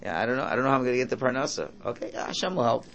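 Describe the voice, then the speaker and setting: A man with a creaky, gravel-edged voice teaches religion informally. His pitch swings up and down in a lively way as he repeats each point. He throws out rhetorical questions and keeps checking in with his listeners. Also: racing, highs cut off. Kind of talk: informal Torah lesson, translating and explaining a text.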